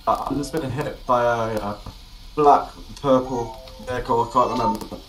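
A man's voice: medium pitch, fairly even intonation, moderate pace, a bit bright, a little hiss or hum, low-quality recording. A man making urgent call-outs over a police radio channel in a roleplay game.

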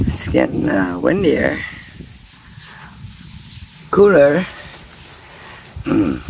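A woman's voice: low voice, gravelly, a little hiss or hum. A middle-aged woman chatting casually in a camping vlog, laughing between remarks, filmed outdoors in a backyard by a tent. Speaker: camping vlogger. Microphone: camera on a stand at a distance, later phone at arm's length.

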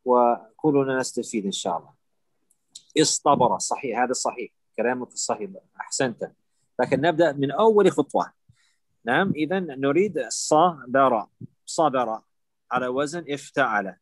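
A patient male teacher walks his students through Arabic word forms, repeating each one slowly and checking that they follow. His voice sits at an ordinary middle pitch. The sound is dry and close, with no room echo. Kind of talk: live online lesson with students.

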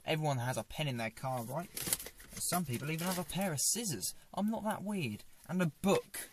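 Speaking at a moderate pace in an animated voice on the high side, a young man shows a fixed dashboard camera what he keeps in his parked small car. It's a casual car tour vlog full of dry, self-mocking chatter, over a noisy background.

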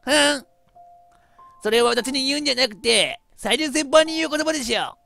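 Man doing a high bright tsundere schoolgirl. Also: normal speed, vocal fry, soft background music, exaggerated voice. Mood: huffy. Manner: stammering, sharp-tongued. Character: feisty tsundere schoolgirl, blunt and prickly. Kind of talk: game voice-over reading.

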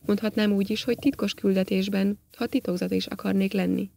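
A woman's voice: medium pitch, fairly even intonation, gravelly, warm tone, no room sound. A woman reading an audiobook, voicing a formal older male professor who questions politely but insistently.

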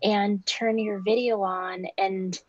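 A woman's voice: medium pitch, flat delivery, slow pace, no room sound, muffled recording. A woman moderating an online class, organized and polite as she steers the schedule. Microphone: video call.

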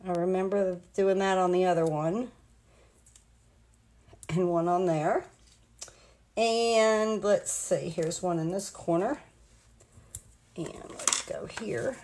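Her lowish, steady, slightly mellow voice moves at a slow pace with long pauses, over slight background noise. The woman, an American in her sixties, rambles chattily through each step of a live card-making demo at her home craft table indoors.

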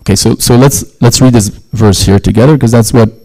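A man lecturing on scripture with a mellow, dark tone at a middling pitch. He talks conversationally, repeats words as he restarts, and keeps checking in with "right?". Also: brisk, poor audio.

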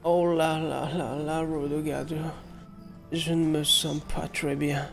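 A man's voice: a little high, little pitch movement, slow, vocal fry, soft background music. A man reading the lines of a queasy male hobbit companion aloud from a game, groaning and rueful. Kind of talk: reading quest dialogue aloud.

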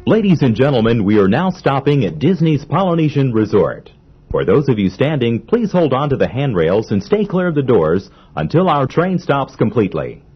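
A man giving polite, measured onboard train announcements in a formal manner. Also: medium pitch, big pitch swings, husky. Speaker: transit announcer. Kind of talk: recorded monorail announcements. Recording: dull lo-fi old recording.

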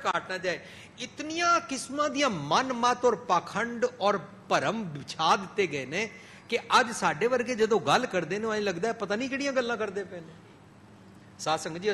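A man preaching a sermon in a gurdwara, mixing English phrases into his talk, swinging between emphatic peaks and soft drops. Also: sits high, a little hiss or hum. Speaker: Sikh preacher. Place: gurdwara hall.

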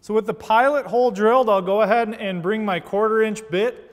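A fairly high-pitched man in his thirties walks through an installation with steady, methodical instructions. His voice carries a long reverb from a large indoor workshop, picked up on a lapel mic. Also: brisk. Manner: steady, methodical step-by-step explaining. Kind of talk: scripted how-to narration.

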